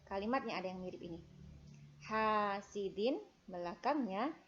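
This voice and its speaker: A woman with an Indonesian accent teaching children Quran reading, over-enunciating in instruction and drawn-out melodic recitation, in a dull recording. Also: mid-range voice.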